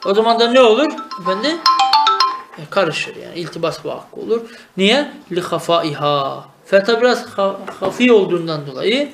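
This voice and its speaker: A man's voice: high-pitched, big pitch swings, moderate pace, gravelly, echoey room, faint music behind. A man teaching Arabic grammar in a traditional lesson, asking questions and answering them himself. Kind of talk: traditional madrasa-style lesson.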